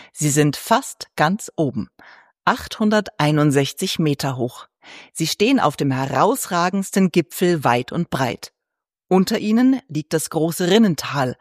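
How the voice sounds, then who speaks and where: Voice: medium pitch, no echo, clean studio sound. A narrator reading a scripted audio guide, formally addressing visitors directly.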